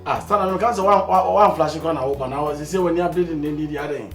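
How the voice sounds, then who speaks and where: An actor playing an excitable young man who mixes pidgin and local words. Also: a little high, quick pace, natural voice. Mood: excited. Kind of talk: Ghanaian film acting. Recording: echoey room with faint music score.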